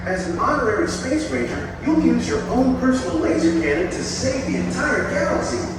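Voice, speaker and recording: A man giving upbeat, scripted ride narration, heard through loudspeakers on a moving ride. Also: very high voice, sing-song, normal speed, heavy background noise. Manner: upbeat, promotional. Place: aboard a moving ride vehicle. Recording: echoey far-off ride speaker over loud music.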